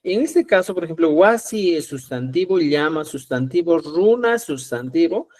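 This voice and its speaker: A man's voice: on the high side, expressive, normal speed, a little mellow. Patient Peruvian man teaching a class. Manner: patient, repeats "¿ya?" to check understanding. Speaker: Quechua teacher. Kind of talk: live online class.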